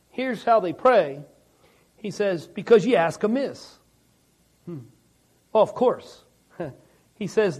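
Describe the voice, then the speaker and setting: A man delivering a sermon in a loose, conversational style, often asking his listeners questions and chuckling to himself. His voice sits unusually high and moves up and down a great deal. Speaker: pastor.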